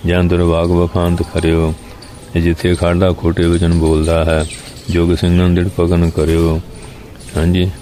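A man reciting verse line by line and then explaining each line in plain everyday speech, with steady affirming fillers. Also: sits low, slight background noise. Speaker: religious storyteller. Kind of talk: scripture exposition.

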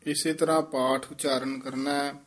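A man's voice: medium pitch, little pitch movement. Man teaching careful recitation. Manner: corrective, explains, then models lines slowly. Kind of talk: pronunciation lesson.

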